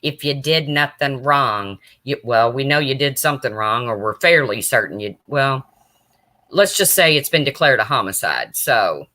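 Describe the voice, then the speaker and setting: On her own live stream, a true crime streamer chats casually in a deep, raspy, low voice that still sounds bright and forward-placed. She keeps things loose and chatty, responding to viewer comments one at a time. Her intonation is lively and her pace moderate.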